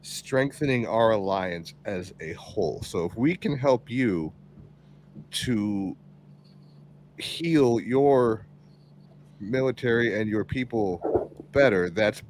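A man's voice: on the low side, a little hiss or hum. A man playing a tabletop game, casual and easygoing as he speaks for his character. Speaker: player. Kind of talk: tabletop role-play chat.

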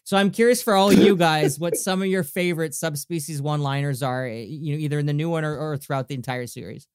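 A man's voice: a little high, fairly even intonation, fast, clear, resonant tone, dry recording, studio quality. A man hosting a group discussion, enthusiastic and asking open questions of his guests. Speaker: host.

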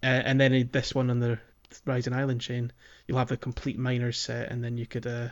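A man hosts a podcast about video games, talking casually and conversationally while hedging his points. His voice is medium-pitched and a little fast, with a completely flat delivery. A dull lo-fi microphone captures it.

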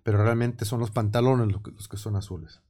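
A man with a Mexican Spanish accent hosting a casual radio studio chat, talking in quick, animated bursts. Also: lowish voice. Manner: animated, quick, laughing often. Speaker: radio show host.

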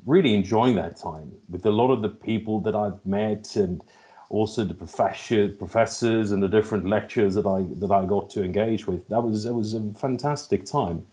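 As a podcast guest, a middle-aged Finnish logistics executive takes interview questions in a Finnish accent, stalling and repeating words while he shapes his answers. He has a warm tone on the low side and keeps a moderate pace.

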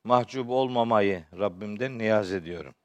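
Hoarse, strained male preacher. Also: on the low side, normal speed, darkish tone, dry recording, lo-fi sound. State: hoarse from shouting the day before, clearing his throat often. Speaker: Quran teacher and preacher. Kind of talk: spoken religious lecture with verse commentary.

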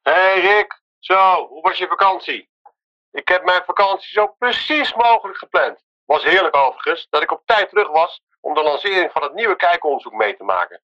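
A man's voice: sits high, animated, moderate pace, bright, forceful tone, lo-fi sound. A man leaving an upbeat, chatty voicemail for a colleague, played back from a phone. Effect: leaving a voicemail, heard played back.

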